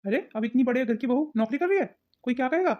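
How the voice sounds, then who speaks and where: A woman plays a suspicious young husband in a cartoon, pitched high for a man and talking fast. The sound is a little dull. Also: expressive. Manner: suspicious, questioning. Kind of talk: cartoon voice acting.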